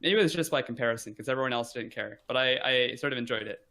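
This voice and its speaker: Speaking rapid-fire in a creaky, medium-pitched voice, a young man guests on a podcast for an easygoing chat. He rambles, leans heavily on "like," and pokes fun at himself along the way.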